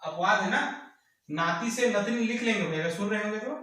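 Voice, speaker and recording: A man teaches an exam-prep grammar lesson. He repeats each word and asks the class for the answer, stretching it out slowly. His fairly high voice comes from far off the mic in a very echoey room. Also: sharp tone. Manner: repeats words and quizzes students, drawn-out answers.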